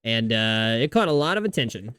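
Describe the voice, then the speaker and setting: A man's voice: medium pitch, big pitch swings, a little fast, a bit bright, clean tone. A man streaming a video game, chatting casually with viewers in a rambling way, swearing often and restarting his sentences. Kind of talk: casual livestream chat while gaming.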